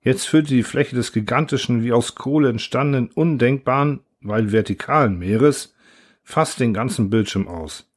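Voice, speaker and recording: Man reading a novel out loud, steady even narration. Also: medium pitch, moderate pace. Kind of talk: scripted narration.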